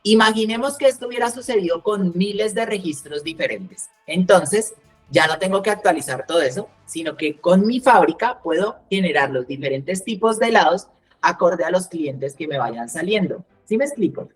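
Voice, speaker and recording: A woman's voice: lowish voice, animated, normal speed, faint music behind. A woman teaching a live coding class, explaining step by step and checking in with the students. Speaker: programming instructor.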